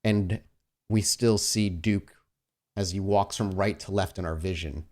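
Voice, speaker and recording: Unhurried and slightly mellow, a man with a low voice keeps his intonation fairly even as he runs a tabletop roleplaying game. He mixes improvised, descriptive scene-setting with casual table talk, addressing his player in a conversational way.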